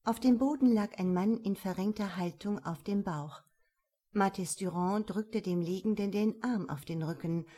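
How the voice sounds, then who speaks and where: A woman reading a crime novel aloud, in calm, measured scripted narration. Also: mid-range voice. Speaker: audiobook narrator.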